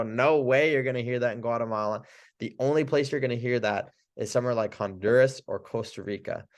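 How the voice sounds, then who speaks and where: A man who works as a chiropractor, teaching Spanish phrases to use with patients in a casual, chatty way. He laughs often and acts out the phrases in a lively voice. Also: mid-range voice. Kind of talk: casual instructional talk.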